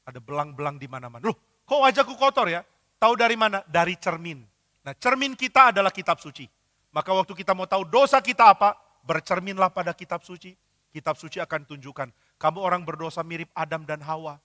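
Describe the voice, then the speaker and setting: A male pastor preaching a sermon in an animated storytelling way, slipping into character voices. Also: fairly high pitch, long reverb tail. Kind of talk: sermon with acted-out stories.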